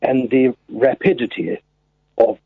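A stuffy, long-winded gentleman past eighty-five rambles with stiff formality, tripping over his words, as a man on a call puts him on. The voice is gravelly and husky. It comes through a thin, tinny phone line. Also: mid-range voice, big pitch swings, slow pace, no echo, exaggerated voice. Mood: pompous. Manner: formal, roundabout, stammering. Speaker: caller.

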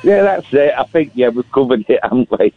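A man's voice: mid-range voice, expressive, a little fast, faint music behind. A man on a phone line, chatting in a jokey, storytelling way on a phone-in show. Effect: heard over a phone line. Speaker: caller. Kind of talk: casual phone-in chat. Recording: dry, tinny phone line.

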